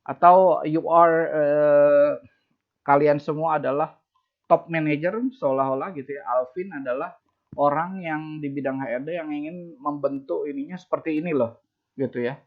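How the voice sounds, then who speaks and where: A man's voice: fairly high pitch, fairly even intonation, normal speed. Man giving class feedback over video call. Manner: mixes English phrases into speech, many fillers. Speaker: lecturer. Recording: dull lo-fi video call audio.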